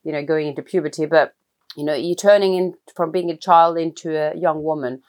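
A woman from Norway speaks English, her voice sitting a little low for a woman. She talks thoughtfully, pausing and restarting sentences as she searches for the right words. This is an unhurried, personal interview. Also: steady tone, a little mellow. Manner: thoughtful, hesitant, many restarts. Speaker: guest, film writer-director.

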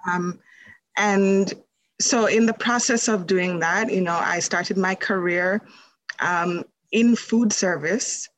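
Here a holistic nutrition practitioner from Jamaica talks slowly in a medium-pitched voice, captured on a dry, low-quality recording. Her casual interview storytelling as a podcast guest is loose and conversational, full of filler words.

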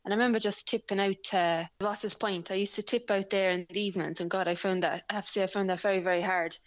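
A woman's voice: medium pitch, steady tone, fast talker, dry recording. A woman from County Leitrim with a west of Ireland accent, chatting and telling anecdotes casually as an interview guest. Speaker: interview guest, amateur cyclist. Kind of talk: casual conversational storytelling.

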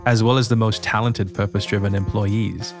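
Here the podcast host's voice runs low and fairly flat, delivered at a fairly quick clip over background music. He reads a scripted intro, brings in a guest, and drifts into reflective storytelling and casual conversation.

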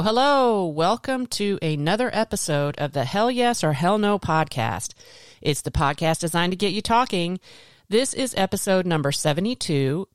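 A woman hosts a podcast in casual talk. Her voice is very clear and smooth, and it is recorded dry with no room around it. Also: on the low side, no echo. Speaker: podcast host.

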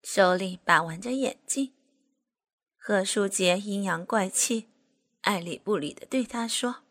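A woman reads a serialized novel aloud at a slow, deliberate pace. Her voice sits at a middle pitch, steady and measured. The storytelling stays even and calm. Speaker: narrator. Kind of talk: scripted audiobook narration.

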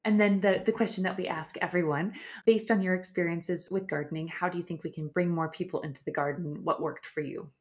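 A woman hosts a gardening podcast with a fairly low voice. She sounds keen and warm toward her guest, often breaking into laughter as she asks her questions. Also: fairly even intonation, brisk, hardly any pauses. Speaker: podcast host. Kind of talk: casual interview.

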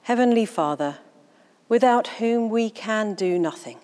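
Woman priest leading worship, calm formal delivery, lots of church echo, mid pitch. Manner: measured, formal liturgical delivery. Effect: long church echo around the voice. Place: large church interior. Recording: reverberant church hall sound.

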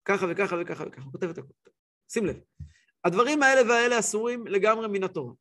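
A man in his thirties, a rabbi telling a story in a weekly religious class with lively voiced quotes. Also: high voice. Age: 30s.

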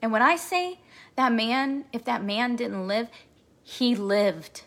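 Here a forties-aged woman, a coach who hosts a podcast, gives a slow, expressive motivational talk in a fairly high voice. She is emphatic, repeats herself a lot, and sometimes grows emotional.

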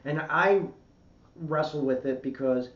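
A man's voice: on the high side, measured pace. A man, a comedian and podcast guest, speaking reflectively and repeating himself as he works through his thoughts. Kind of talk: casual podcast interview. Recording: roomy, distant lo-fi mic with faint hiss.

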